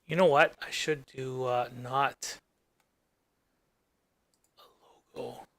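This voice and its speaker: Recorded dry, this English-speaking gaming host talks to himself as he works on his screen, drifting into rambles and mumbles. His medium-pitched voice keeps a steady tone, a bit bright, and he takes his time.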